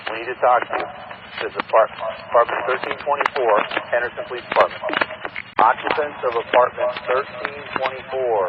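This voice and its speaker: A man speaks through a megaphone as a police officer, giving the same slow commands again and again at an apartment complex. His voice sits in a middle range and comes through dull and muffled, as scanner audio does. Loud outdoor noise runs behind him. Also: medium pitch, fairly even intonation.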